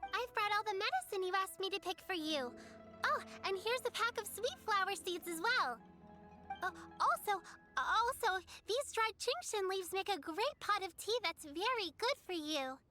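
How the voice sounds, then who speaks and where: Game child: earnest, caring little girl, very high and lively. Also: moderate pace, soft background music, exaggerated voice. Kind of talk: game character dialogue.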